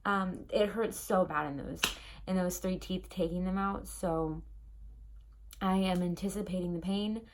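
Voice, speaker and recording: A woman's voice: on the low side, fairly even intonation, unhurried, a little hiss or hum. Chatty young woman vlogging with a slight lisp. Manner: chatty, rambling, many ums and likes. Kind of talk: casual chat to camera. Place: her bedroom.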